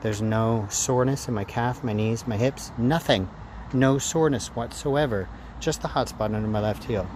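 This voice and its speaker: A man talking casually and reflectively to a handheld phone in a rambling vlog, in halting phrases. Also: medium pitch, a little mellow. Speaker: running vlogger. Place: outdoors after a run. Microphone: handheld phone camera at arm's length. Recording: outdoor noise, traffic ambience.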